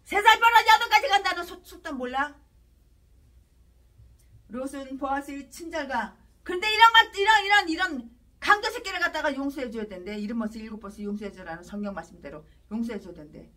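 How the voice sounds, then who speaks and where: High, lively woman pastor preaching. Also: fairly quick, far from the mic. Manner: breaks into angry shouted tirades; emphatic, repeats phrases. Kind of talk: expository sermon.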